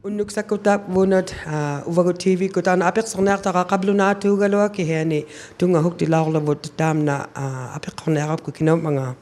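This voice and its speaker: A woman's voice: fairly low pitch, steady tone, a little fast, hardly any pauses, darkish tone. A woman asking questions as a broadcast interviewer.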